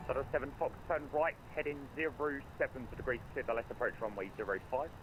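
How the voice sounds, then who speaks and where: Male controller, rapid procedural instructions, radio, heavy noise behind. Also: medium pitch, animated. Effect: radio transmission. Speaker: online air traffic controller. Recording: noisy radio with engine drone behind.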